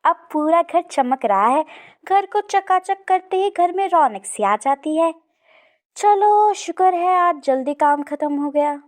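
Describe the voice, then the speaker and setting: A woman's voice: very high voice, lively intonation, takes it slowly, heavily acted. A woman voicing a cheerful girl in a fan cartoon, talking to herself with satisfaction. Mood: pleased. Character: cheerful girl pleased after cleaning house.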